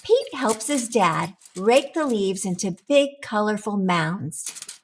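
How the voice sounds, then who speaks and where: A woman with a mid-range voice reads a children's picture book aloud, slow and expressive for young listeners, with slight background noise behind her.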